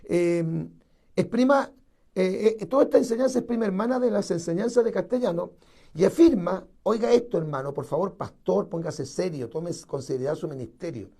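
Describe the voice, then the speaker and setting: A man's voice: high-pitched, moderate pace, gravelly, dark tone. A man preaching a sermon, emphatic and repetitive, piling up strong words. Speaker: pastor.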